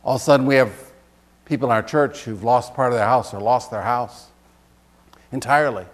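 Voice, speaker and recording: A man's voice: medium pitch, brisk. A male pastor giving a conversational sermon, reading scripture expressively and chuckling between points.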